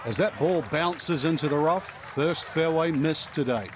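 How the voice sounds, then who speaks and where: A man's voice: on the high side, measured pace, crowd noise, background noise. A man giving analytical golf commentary as the second voice in the booth.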